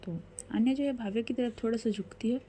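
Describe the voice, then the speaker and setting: A woman's voice: a little high, fast, mellow, slight background noise. A woman storyteller narrating a story casually, conversational and correcting herself as she goes.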